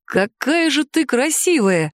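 A woman voicing a slow, curt dragon uncle. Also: a little high, very animated, dry recording, studio quality. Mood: tender. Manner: slow, breathy and tender with his mate, curt with others. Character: adult male dragon uncle, calm and dismissive.

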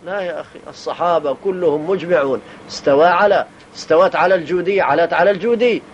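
Emphatic high-voiced sheikh on old tape. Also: male voice, quick pace. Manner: emphatic, fires rhetorical questions and answers them. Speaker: religious teacher. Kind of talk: Quranic commentary lesson. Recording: dull lo-fi archival tape with faint hiss.

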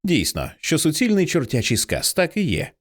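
A man narrating an audiobook in an expressive storytelling way. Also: on the high side, normal speed.

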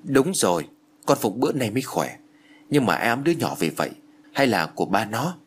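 A man voicing a quick-witted, hot-tempered middle-aged aunt in a spoken horror story. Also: medium pitch, big pitch swings, slight background noise, lightly acted. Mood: wary. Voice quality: blunt, impatient.

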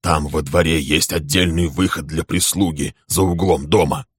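A man voicing a hoarse older gentleman who pleads and commands to calm a quarrel in his home. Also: very deep voice, normal speed, no echo, studio quality. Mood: pleading. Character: older male host, stern and placating.

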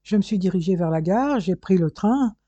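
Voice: medium pitch, lively intonation, moderate pace, warm tone, no room sound, voice pushed up, close to an everyday voice. A reader voicing a dazed male captive who stammers and answers sourly, in a storybook reading. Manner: stammering, then sour. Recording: dull, dry lo-fi recording.

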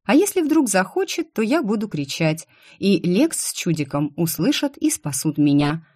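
A woman narrating a first-person science fiction novel in an expressive, lively way. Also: mid-range voice, moderate pace. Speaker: audiobook narrator.

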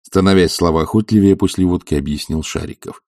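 A man narrating an audiobook in an expressive, measured literary reading. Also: sits low, no room sound, clean studio sound.

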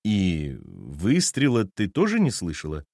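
A man voicing a cautious young man who asks careful, gentle questions in an audiobook. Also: huge pitch swings, unhurried, creaky, dry recording, clean studio sound, exaggerated voice. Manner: soft, careful, low murmur.

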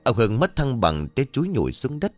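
A man narrating a ghost story in a dramatic, expressive reading. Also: mid-range voice, a little fast, no echo, soft background music.

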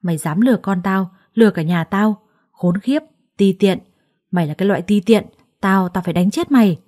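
A woman's voice: mid-range voice, normal speed, mellow, dry recording, clean studio sound, close to an everyday voice. A woman voicing a furious, abusive middle-aged mother-in-law who screams insults. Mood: enraged.

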